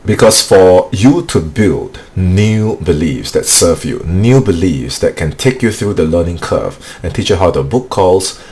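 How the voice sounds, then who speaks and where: With slight background noise behind him, a deep-voiced Singaporean sales coach runs his weekly motivational live-stream training. English isn't his first language, and his earnest, repetitive delivery is peppered with "okay".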